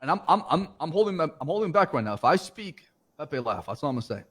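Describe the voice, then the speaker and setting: Fast-talking man, earnest and halting. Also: on the high side, big pitch swings, slightly rough. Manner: earnest, halting, repeats himself. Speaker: police officer in a roleplay game. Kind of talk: in-character discussion.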